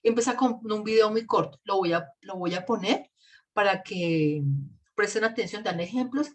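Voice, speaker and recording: A woman's voice: mid-range voice, moderate pace. Woman, English teacher, patient, spells out examples, online class, computer mic.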